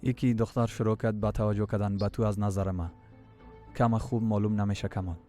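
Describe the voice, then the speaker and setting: A man's voice: fairly low pitch, flat delivery, dark tone, faint music behind, lightly acted. Man dubbing a stern, lecturing man. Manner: measured, lecturing. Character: stern man delivering a warning, patient then insulted.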